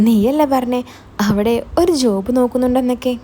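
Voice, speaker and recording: A woman's voice: on the high side, a little fast, warm tone, close to an everyday voice. A woman voicing a blunt, teasing young man who is the hero's old college friend.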